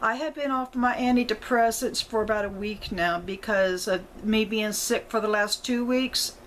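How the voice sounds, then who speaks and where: A woman's voice: fairly high pitch, moderate pace, slight background noise, rough recording. A middle-aged woman, talking to her viewers in a rambling, apologetic way, close to tears. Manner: rambling, apologetic, self-correcting. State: emotional, on the verge of tears. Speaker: vlogger. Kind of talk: casual personal talk to viewers.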